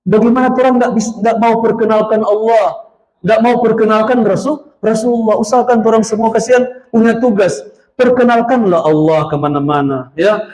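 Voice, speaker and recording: A man preaching a mosque sermon, telling stories straight to his listeners and drawing out chanted prayer phrases slowly. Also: sits high, darkish tone. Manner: storytelling, addresses listeners directly, draws out chanted phrases slowly. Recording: echoey mosque hall.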